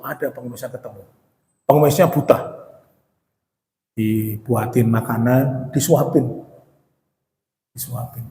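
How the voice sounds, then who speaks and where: An ustadz with a West Javanese Indonesian accent gives a conversational sermon to a mosque congregation, often addressing them as Pak and asking them questions. He acts out quoted voices in his medium-pitched, warm voice. The echoey mosque hall adds long reverb, along with a little hiss or hum.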